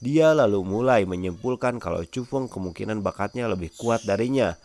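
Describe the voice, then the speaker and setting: A man narrating a comic-chapter recap as channel host, in a steady storytelling manner. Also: on the low side, normal speed. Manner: steady storytelling, friendly sign-off appeals.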